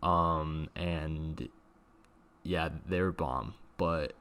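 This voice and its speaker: A man's voice: a bass voice, drawn-out words, fairly bright tone, smooth. A young man telling a casual, rambling story in a slangy, sweary way, leaning heavily on "like". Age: young adult. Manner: slangy, sweary, filler-heavy with "like". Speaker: video creator telling a personal story.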